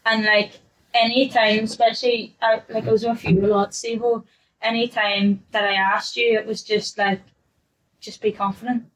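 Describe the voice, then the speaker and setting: A woman's voice: on the high side, flat delivery, normal speed, a bit bright, low-quality recording. A young adult woman, a newly qualified fitness coach, chatting casually on a podcast, laughing often and acting out her past self.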